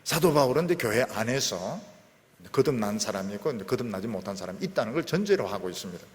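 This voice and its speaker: A middle-aged man preaching from the pulpit with a lively, up-and-down delivery. He swings from sudden loud bursts to soft, fading line endings, and his voice carries a long reverb from a big church hall. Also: on the low side, quick pace. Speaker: pastor. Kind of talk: sermon.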